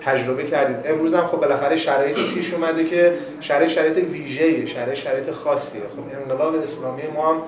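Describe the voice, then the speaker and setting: A man hosting a formal meeting who introduces the topic in a halting way and repeats his words. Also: a little high, fairly even intonation. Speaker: meeting host. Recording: echoey room, distant mic.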